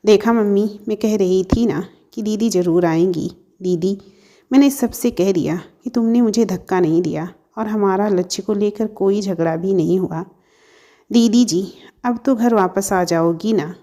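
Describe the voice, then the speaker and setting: A woman's voice: mid-range voice, a little slow, mellow, lightly acted. A woman doing a sugary, pleading younger sister.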